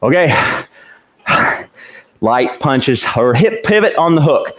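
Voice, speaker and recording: A man's voice: fairly high pitch, big pitch swings, slow pace. A man coaching a boxing workout, calling short punch combinations in rhythm with effort in his voice as he hits a punching bag. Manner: exerting himself, with grunts and puffed exclamations.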